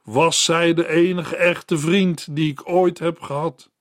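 A man's voice: a little high, fairly even intonation, takes it slowly, dry recording, studio quality. A man voicing a desperate, grieving widower who has been drinking, asking broken, pleading questions.

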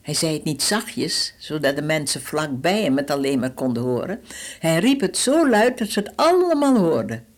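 A woman's voice: sits low, big pitch swings, normal speed. An older woman giving a short radio devotional talk, earnest and pleading, quoting scripture with dramatic shifts of voice. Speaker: evangelist. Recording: radio broadcast.

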